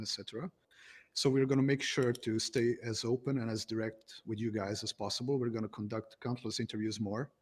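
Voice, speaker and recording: Man, low husky voice, relaxed developer answering questions, lots of uh's. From Croatia. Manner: easygoing, hesitant with many fillers. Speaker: game developer. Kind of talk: casual interview answers.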